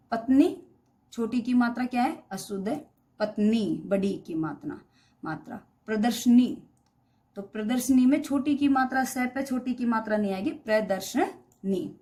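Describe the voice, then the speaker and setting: In a classroom lesson on spelling errors, a woman with a slightly high, darkish voice teaches Hindi spelling. She reads every word twice, first wrong and then correct, quizzes the class with questions, and calls her students "beta."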